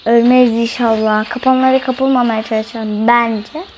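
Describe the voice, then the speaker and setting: A woman doing let's play commentary as host of a gaming channel, chatty and excitable, talking straight to her viewers and often shrieking. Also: on the high side, unhurried, muffled recording, a little hiss or hum. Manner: excitable, often shrieks and laughs while playing; chatty, keeps addressing viewers directly.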